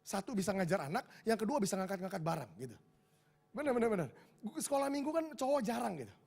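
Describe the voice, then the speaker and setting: A middle-aged man preaching a sermon, telling stories in a lively way and speaking straight to the congregation. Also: sits high, fast talker, vocal fry. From Indonesia. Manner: storytelling, animated, addresses the congregation directly. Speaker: pastor.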